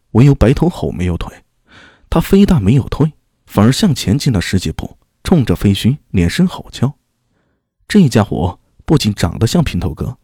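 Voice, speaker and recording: A man's voice: lowish voice, breathy edge, no room sound. A man narrating a serialized fantasy audiobook as a dramatic storyteller, close to the mic. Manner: dramatic storyteller, animated delivery.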